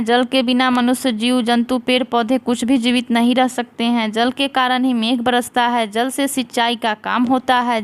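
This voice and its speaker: A woman teacher talking through exam answers step by step, dictating each answer slowly and spelling words out letter by letter into a close voice-over mic. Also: on the high side.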